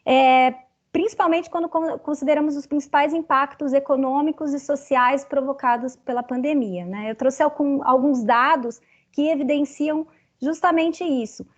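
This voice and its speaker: Moderating an academic panel webinar, a woman with a Brazilian Portuguese accent reads statistics carefully and often adds "né." Her voice is high-pitched at a normal pace, and the recording has its highs cut off.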